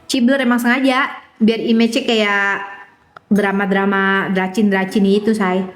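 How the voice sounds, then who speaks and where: A woman's voice: medium pitch, flat delivery, moderate pace. A woman with a Jakarta accent chatting casually on a phone live stream, teasing her viewers and trying out words again and again. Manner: repeats words again and again while trying out pronunciations. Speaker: social media influencer.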